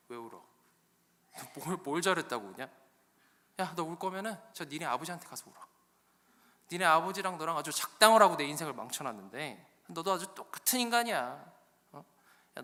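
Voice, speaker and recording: A man's voice: mid-range voice, expressive, slow, long pauses, sharp tone. A man acting out a bossy, irritable husband who scolds his wife sarcastically. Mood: scolding. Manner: barking, belittling, sarcastic. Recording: long echo of a church hall.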